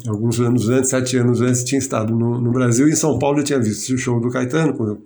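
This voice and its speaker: An older man with a Brazilian Portuguese accent recalls an old memory in a loose, conversational way. His voice sits at an ordinary middle pitch. He stumbles, restarts and fills pauses as he goes. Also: steady tone, dark tone. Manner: halting, many restarts and fillers. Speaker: writer telling a memory. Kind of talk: casual storytelling.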